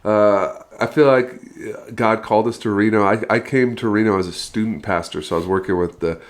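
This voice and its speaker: Low-voiced california pastor guy in his 30s, chatty, laughs a lot, lots of uhs. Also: fairly quick. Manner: energetic, laughs often, many fillers. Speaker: guest pastor. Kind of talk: casual podcast interview.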